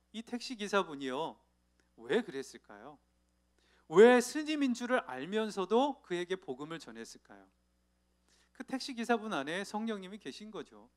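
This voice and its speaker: A male pastor preaching to a youth congregation in church, telling stories with lively acted-out voices and asking his listeners questions. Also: high voice. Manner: lively storytelling, acting out the people in his anecdotes; asks the audience questions directly. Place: church sanctuary.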